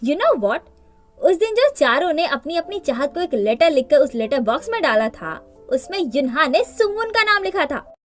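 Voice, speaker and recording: A woman's voice: sits high, sing-song, normal speed, faint music behind. A woman casually retelling a drama plot, with chatty, playful asides to her viewers. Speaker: drama recap narrator. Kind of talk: casual storytelling recap.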